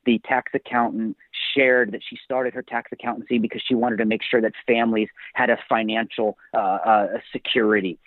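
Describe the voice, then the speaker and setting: A man's voice: fairly low pitch, fairly even intonation, a little fast, hardly any pauses, dry recording. A male author talking as a podcast guest, telling stories in an emphatic motivational-speaker way, heard over a tinny, phone-like line. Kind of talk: podcast interview.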